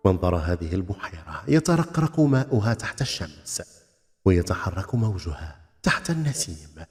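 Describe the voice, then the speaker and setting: A man narrating a scripted folk tale as a storyteller, in a theatrical, expressive, literary manner. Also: lowish voice. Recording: long reverb, music bed.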